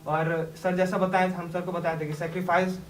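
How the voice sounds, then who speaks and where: A man's voice: sits high, level tone, a little fast. A young man telling a class the personal story of his exam success, chatty and laughing often as he talks. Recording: echoey room, distant mic, background noise.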